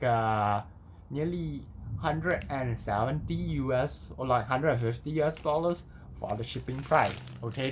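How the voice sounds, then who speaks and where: A man chats through an unboxing vlog in an amateur recording with some background noise. His pitch is mid-range, and he talks conversationally, checking in with little tag words as he goes. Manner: conversational, repeats himself with tag words like okay and right. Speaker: vlogger.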